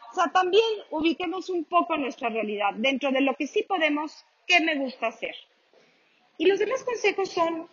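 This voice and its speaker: A middle-aged woman with a Mexican accent giving an animated, joking motivational talk to an audience. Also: high-pitched. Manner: animated, joking, voices quoted people. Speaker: motivational speaker. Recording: slightly dull, lo-fi sound.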